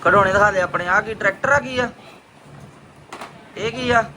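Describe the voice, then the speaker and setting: A man's voice: high-pitched, normal speed. A man with a Punjabi accent chatting casually and playfully as he films a family vlog. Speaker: vlogger and father. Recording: loud ambient and vehicle noise.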